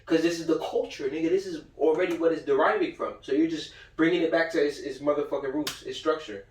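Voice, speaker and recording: A man with a slightly high voice talks fast while giving an informal lecture, reading passages aloud and commenting in blunt, profane slang, often repeating himself for emphasis. He sits far from the mic, and the recording has a roomy echo.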